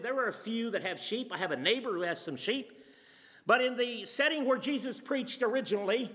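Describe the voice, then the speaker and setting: Animated sermon storyteller, man, bright and expressive, in a reverberant church hall. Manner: storytelling, dramatic shifts in pitch and pace. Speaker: preacher.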